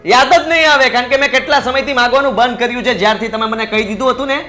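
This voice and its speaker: A man's voice: very high-pitched, rapid-fire, pushed and bright, faint music behind. An actor playing a cocky, idle young married man who argues with his father in a mocking tone. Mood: defiant. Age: young adult.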